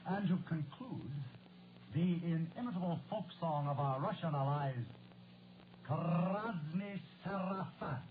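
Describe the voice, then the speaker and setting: Old radio announcer on crackly thin recording. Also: male voice, on the high side, slow pace, phone-quality sound. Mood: grand, formal. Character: wisecracking American soldier, former radio announcer, in announcer mode. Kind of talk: 1940s radio acting.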